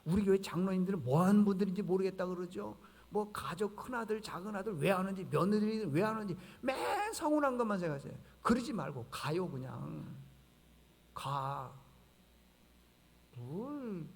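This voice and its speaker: High-voiced preacher in a reverberant hall. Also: male voice, lively intonation, fast talker, hardly any pauses, darkish tone. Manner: conversational preaching, voices biblical dialogue, rhetorical questions. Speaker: pastor. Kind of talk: sermon. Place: church sanctuary.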